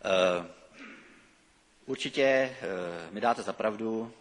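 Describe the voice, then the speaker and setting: A middle-aged man preaching a sermon, reading scripture expressively and then talking freely with hesitations. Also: fairly low pitch. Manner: lively expressive reading, halting with fillers when speaking freely. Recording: long reverb of a church hall.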